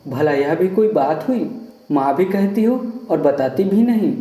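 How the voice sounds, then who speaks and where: A man voicing a caring older mother-in-law who speaks gently and with concern. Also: sits high, lively intonation, measured pace. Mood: coaxing. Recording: roomy echo.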